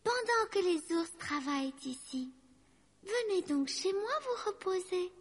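A woman voicing a kind, lively magical dragon great-aunt in a storybook reading, with a high, exclaiming, sing-song voice. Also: unhurried, big-room sound.

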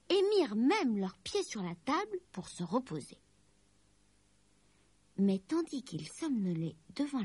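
A woman reading a children's story aloud, slow and expressive with gentle dips in pitch. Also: a little hiss or hum. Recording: dry close recording with faint music.

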